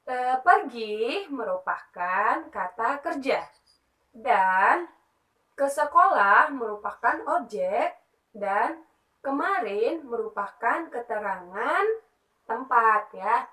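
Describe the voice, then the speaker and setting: A woman's voice: a little high, animated, slow pace, pushed and bright, echoey room, distant mic, rough recording. A young woman teaching a lesson for young children as a primary school teacher, explaining patiently and often checking in with "nah" and "ya".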